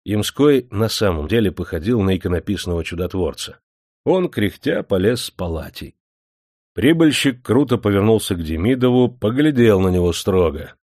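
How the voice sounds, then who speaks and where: Man, audiobook narrator, lively rising and falling pitch, expressive storytelling, close dry sound. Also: normal speed, dry recording. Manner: expressive storytelling with many voices. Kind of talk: scripted narration.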